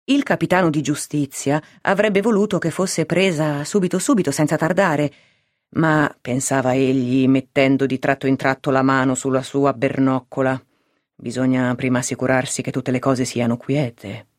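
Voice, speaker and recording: A reader narrating a classic novel aloud in a measured, expressive storytelling manner. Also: medium pitch, no echo, clean studio sound. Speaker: audiobook reader.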